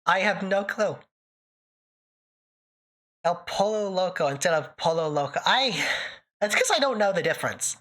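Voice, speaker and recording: Her voice sits on the low side and is expressive and fairly bright, moving at normal speed with long pauses. A woman from northern Canada, she hosts a livestream where she answers viewers in casual chat, joking and laughing often in a thick, put-on-sounding accent.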